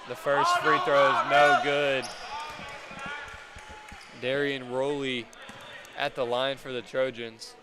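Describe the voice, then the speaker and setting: A young man calling live high school basketball play-by-play, with quick calls that rise when big plays happen. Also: little pitch movement. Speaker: play-by-play commentator. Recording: noisy gym ambience. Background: gym crowd and bouncing basketballs.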